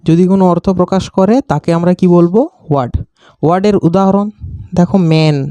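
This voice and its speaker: A male teacher gives a grammar lesson in a high, mellow voice. He asks his own questions, answers them, and repeats each definition slowly. The sound is dry and close. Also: clean tone, dry recording.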